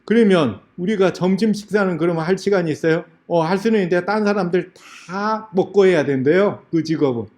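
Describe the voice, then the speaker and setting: A man's voice: high voice, brisk, few pauses, darkish tone. A man giving a sermon lecture as a lay church elder, telling stories and asking the audience direct questions. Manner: storytelling, acts out dialogues in a raised voice.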